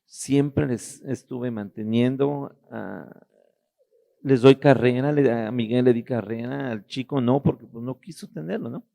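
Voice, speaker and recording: A middle-aged man giving a personal testimony, halting and restarting as he searches for words. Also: medium pitch, vocal fry, dark tone.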